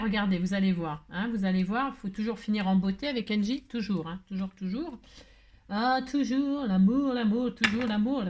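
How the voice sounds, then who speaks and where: A woman's voice: mid-range voice, noisy background. A woman hosting a casual crafting tutorial, chatty and playful, joking as she works. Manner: chatty, playful, full of filler tags. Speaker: craft video host.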